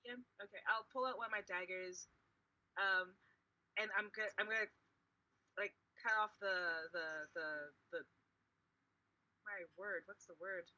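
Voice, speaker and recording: A woman playing in a tabletop roleplaying game, improvising casually and often halting to search for words. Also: mid-range voice, fairly even intonation, sharp tone, low-quality recording.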